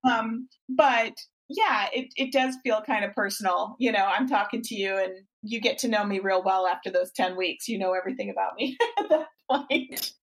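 Speaking at a moderate pace in a medium-pitched voice, a woman in her forties who is a fitness coach hosts a podcast. The casual interview chat is encouraging in tone, with frequent restarts.

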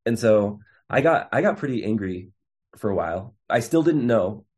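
A man's voice: lowish voice, animated, moderate pace, darkish tone, husky. A man in his thirties, an interview guest, telling his story in a casual way, with many fillers and restarts. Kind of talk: conversational storytelling.

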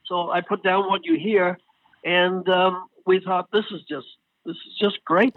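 A man being interviewed as a guest singer, telling stories in a casual, animated way and acting out what others said. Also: high voice, measured pace, no echo. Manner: animated storyteller, acts out quoted exchanges. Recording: tinny phone line.

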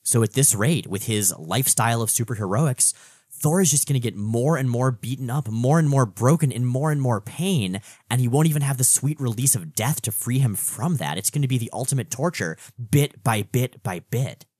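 A man's voice: medium pitch, animated, moderate pace, darkish tone, no room sound, studio quality. A man co-hosting a conversational comic-book recap show, telling the story expressively. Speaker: podcast co-host.

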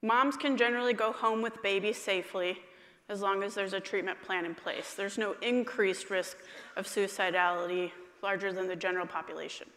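Woman doctor giving a conference talk, crisp bright tone, long hall reverb. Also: medium pitch, steady tone, a little fast. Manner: clear, friendly lecturing with light humor. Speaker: emergency physician giving a talk.

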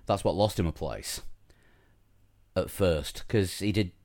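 A man's voice: low voice, slow pace, darkish tone. A man hosting a casual chat show, rambling through his points with fillers and restarts. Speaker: podcast host. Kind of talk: casual chat about motor racing.

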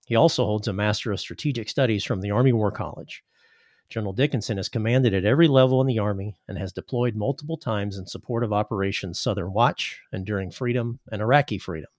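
An American man hosts a podcast in a fairly low voice, recorded dry and close. He reads his scripted introductions and questions formally, with a measured delivery. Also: a little mellow, no echo. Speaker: podcast host, army officer.

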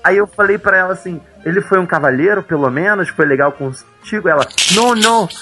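Young man, Brazilian Portuguese accent, podcast co-host, animated comic storyteller, frequent laughter. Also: high voice, brisk, music in the background. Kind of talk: casual chat, comic storytelling.

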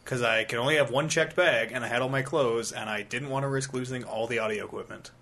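A man's voice: mid-range voice, fast, sharp tone. A man hosting a gaming podcast, telling a rambling travel story in casual chat, swearing freely. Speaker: podcast host.

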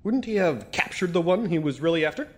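A man playing a pompous, deadpan eccentric detective. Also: fairly high pitch, fast, close to an everyday voice. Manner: formal, deadpan, teasing. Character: pompous eccentric male detective, dryly teasing.

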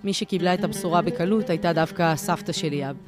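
A reporter narrating a documentary story in a calm, measured, scripted voice. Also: female voice, on the low side, over music.

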